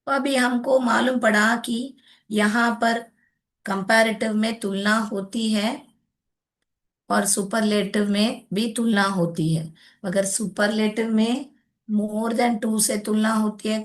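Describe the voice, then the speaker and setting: Young woman, classroom teacher, slow and patient, explains step by step, mixes in English words. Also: mid-range voice. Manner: patient, explaining step by step, addresses pupils as child. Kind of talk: classroom grammar lesson.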